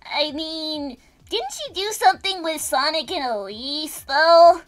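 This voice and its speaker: A woman's voice: sits high, expressive, slow pace, faint music behind. A woman voicing a cheeky, innocent little boy cartoon bee, childlike and eager, in improvised banter. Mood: earnest. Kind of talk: improvised in-character gaming banter.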